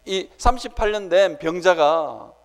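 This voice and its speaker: A man preaching a sermon in a church sanctuary, telling his story in an animated way and acting out his own prayers. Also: high voice, a little slow. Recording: reverberant church hall.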